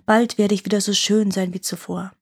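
A woman voicing a lying, scheming young servant maid who fawns and flatters. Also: mid-range voice, brisk, slightly rough. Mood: fawning. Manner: sly, fawning replies.

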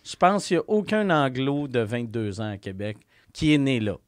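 A man with a Quebec French accent hosting a podcast in relaxed, casual conversation. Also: mid-range voice, normal speed, no echo, clean studio sound. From Quebec City. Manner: relaxed, chatty, laughs easily. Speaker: podcast host. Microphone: studio mic.

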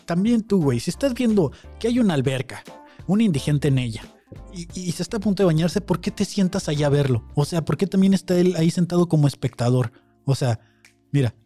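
A man's voice: on the high side, warm tone. A man with a Mexican Spanish accent hosting a podcast, chatting in a casual, incredulous way with many fillers while reacting to videos on a close mic. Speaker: podcast host. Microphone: close studio mic.

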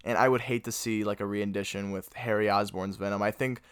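A young man with a fairly low voice gushes through a casual podcast movie review. He talks excitably and packs his speech with filler words. The sound is dry and close, with no room echo. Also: brisk, smooth. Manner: excitable, gushing, heavy use of filler words. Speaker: podcast host.

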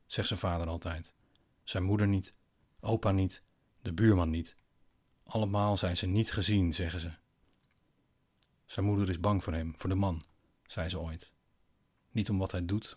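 A man narrating a scripted eerie bedtime story in a quiet, slow, hushed way with long pauses. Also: sits low.

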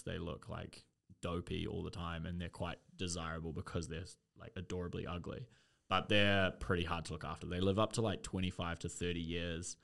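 A man's voice: sits low, gravelly, fairly bright tone. A man chatting loosely as a podcast co-host, rambling with lots of fillers and swearing. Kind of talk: casual chat.

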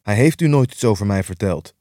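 A man's voice: lowish voice, animated, brisk, dark tone, no room sound, studio quality, natural voice. A man voicing a pale, dwarfish, secretive man who speaks curtly and snaps into anger, in a book reading. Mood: brusque. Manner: curt, turning suddenly angry.

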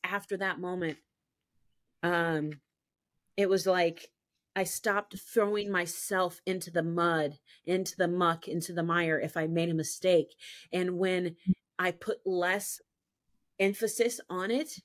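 Slow and steady in tone, a woman with a voice on the low side talks about her personal testimony as a guest on a faith podcast. She keeps returning to earlier points, earnest and emphatic, repeating "I'm telling you."

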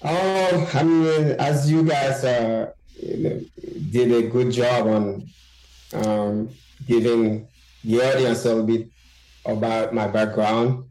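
A man from Haiti speaks as an interview guest, working through his answers slowly with frequent fillers and restarts. His voice sits at an ordinary pitch, and the recording carries a roomy echo. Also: fairly even intonation, dark tone. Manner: halting, many fillers and restarts. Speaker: guest journalist. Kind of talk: interview conversation.

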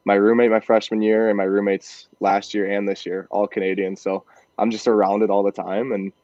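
A man in his twenties from Michigan, a guest on a sports podcast, telling stories in a relaxed, laid-back way. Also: fairly low pitch, fairly quick, dry recording, lo-fi sound. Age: 20s. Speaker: podcast guest, college hockey player. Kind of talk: casual interview chat.

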